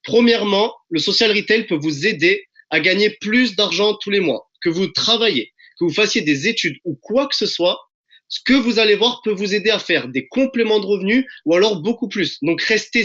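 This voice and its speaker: A man presenting a webinar from home in an energetic, pushy sales-pitch style, calling his audience friends. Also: lo-fi sound. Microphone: video call.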